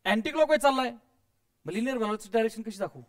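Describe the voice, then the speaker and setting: Man, high voice, physics teacher, classroom lecture, keeps quizzing students, playful sound effects. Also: animated, racing. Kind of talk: classroom lecture mixing English terms.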